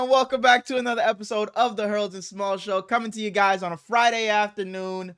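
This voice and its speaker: Hosting a laid-back sports podcast, a man talks in loose, profane slang. His voice is high-pitched, sharp and clean, though he sounds slightly congested and under the weather.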